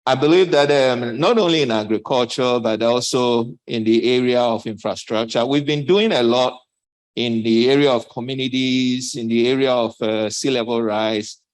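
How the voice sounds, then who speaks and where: A man speaking as a panelist at a conference, a bit out of breath, halting with many fillers. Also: mid-range voice, rough recording. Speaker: panelist from a development bank.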